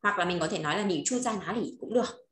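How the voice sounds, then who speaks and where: A woman's voice: on the low side, animated, fast talker, roomy sound, a little hiss or hum. A woman teaching a language lesson, repeating phrases and often checking that students follow. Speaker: Chinese teacher.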